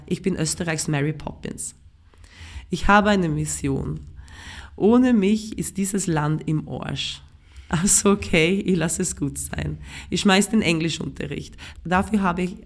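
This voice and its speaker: A Swedish writer and performer, whose first language is Swedish, reads her own comic prose aloud in a Swedish accent. She has a lowish voice and a wry, self-mocking, deadpan delivery.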